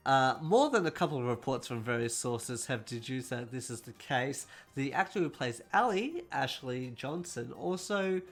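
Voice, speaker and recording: A man hosting a casual gaming news roundup, talking quickly and correcting himself as he goes. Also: fairly high pitch, fairly bright tone.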